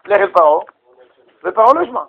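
A man teaching a religious text class, firing rhetorical questions at his students and answering them himself in quick, animated bursts. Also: sits high, highs cut off. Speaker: rabbi teaching a Torah class. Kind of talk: lively lecture with rhetorical questions.

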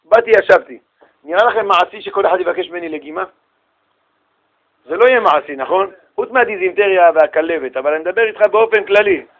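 Man, high voice, rabbi teaching a class, animated storyteller, radio sound. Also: narrow, tinny audio. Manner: animated storytelling, acts out little dialogues. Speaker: rabbi giving a Torah class. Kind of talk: lively religious class.

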